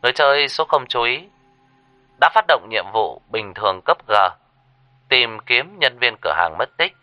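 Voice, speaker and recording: A man's voice: mid-range voice, expressive, normal speed, dry recording, dull audio, soft background music, voice pushed up, lightly acted. A man voicing the announcing system voice of a game world inside a spoken story, formal and emphatic.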